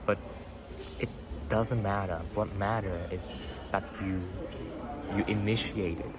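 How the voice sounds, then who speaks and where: Speaking slowly in a steady tone, a young podcast host whose first language is Vietnamese tells a motivational story in a casual way. His voice is on the low side and he leans on fillers and "right?" tags. There's background music beneath him.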